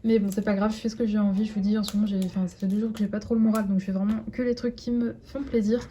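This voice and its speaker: A woman's voice: medium pitch, level tone, rapid-fire, dark tone, slight background noise. A young woman with a French accent chatting casually to her phone camera at home, rambling with lots of fillers and restarts. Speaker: vlogger. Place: at home indoors.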